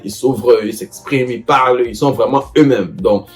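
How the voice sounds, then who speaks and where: A man's voice: medium pitch, normal speed, soft background music. A young man giving casual advice to students, talking hesitantly with many fillers and restarts.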